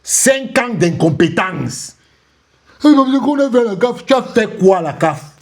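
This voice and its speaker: Animated and a little slow, this high-voiced man mocks an interview clip in his reaction commentary. He taunts with sarcasm, echoing phrases back and letting out scornful laughs.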